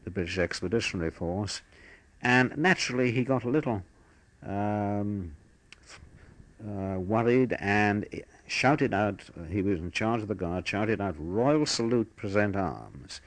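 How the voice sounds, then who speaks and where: An older man, a war veteran, telling his memories in a measured, matter-of-fact way for an oral history. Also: on the low side, fairly bright tone, no echo.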